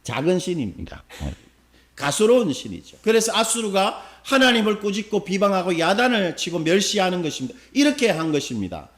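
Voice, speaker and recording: A man preaches a Sunday sermon in a high voice that rises and falls a great deal. He keeps turning to the congregation with questions and answers them himself. Now and then he acts out a harsh scolding in quick bursts. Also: very animated, fairly bright tone. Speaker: pastor. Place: church sanctuary.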